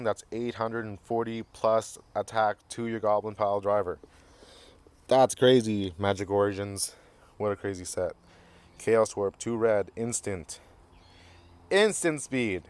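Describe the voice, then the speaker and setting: Low-voiced guy goofing around reading cards out loud, jokey channel host. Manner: goofy, jokey, reads card text aloud. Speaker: card game channel host. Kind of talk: casual card review commentary.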